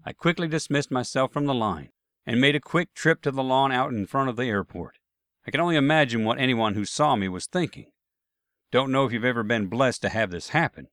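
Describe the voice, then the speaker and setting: A man's voice: medium pitch, a little fast, fairly bright tone, smooth, no echo, clean studio sound. A man narrating a first-person travel anecdote with wry, self-deprecating humor. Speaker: storyteller.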